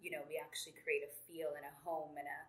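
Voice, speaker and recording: A woman's voice: deep voice, little pitch movement, fast talker, a bit bright. Earnest woman singer, roomy sound. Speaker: singer and dancer. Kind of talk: casual interview. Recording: echoey room with music behind.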